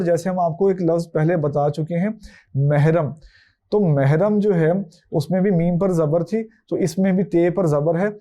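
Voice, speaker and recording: A man with a Pakistani Urdu accent teaching an exam-prep lesson, slowly spelling out each letter and its vowel mark. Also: fairly high pitch, dark tone. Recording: dull lo-fi recording.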